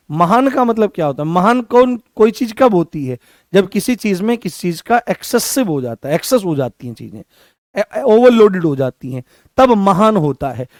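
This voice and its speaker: A man with a high voice teaches an exam-prep grammar class, repeating each phrase several times and throwing questions at his students. He calls them by fond nicknames. The recording is dry and close. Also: dry recording. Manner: repetitive, drills phrases, asks the class questions, affectionate address.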